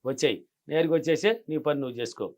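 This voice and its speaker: A man's voice: on the high side, fast talker, a little mellow. A man giving emphatic money-affirmation advice in an interview, repeating his key phrases. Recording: dull lo-fi sound.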